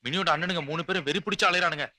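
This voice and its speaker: An actor playing a scared young friend who urges a couple to flee, speaking low and urgently over film music. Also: male voice, fairly even intonation, very fast, background noise, lightly acted. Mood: hushed fearful. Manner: hushed, worried, urgent. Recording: film soundtrack with loud music.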